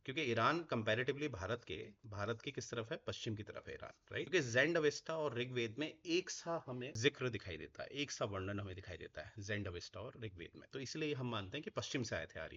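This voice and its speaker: A man's voice: mid-range voice, fairly bright tone. Man lecturing, slightly muffled audio. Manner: explains step by step, often asks "right?". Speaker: Hindi teacher. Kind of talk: classroom lecture.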